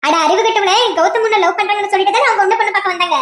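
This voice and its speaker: Woman voicing a cartoon girl friend, bossy, gossipy, Kanyakumari accent, squeaky high, rapid, echoey. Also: fairly even intonation, a bit bright. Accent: Kanyakumari Tamil.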